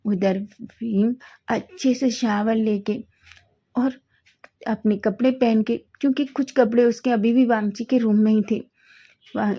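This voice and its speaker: A woman's voice: a little high, dark tone. A woman reading a romance fan fiction story aloud in plain storytelling style, now and then correcting herself.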